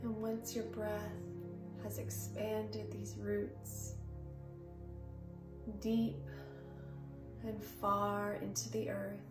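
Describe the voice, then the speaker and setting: Calm woman guiding meditation, roomy distant sound. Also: medium pitch. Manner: calm, gentle, unhurried delivery with long pauses. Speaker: meditation guide. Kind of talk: calm guided grounding meditation. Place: small plain room indoors. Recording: roomy echo, distant mic, music behind. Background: clear background music.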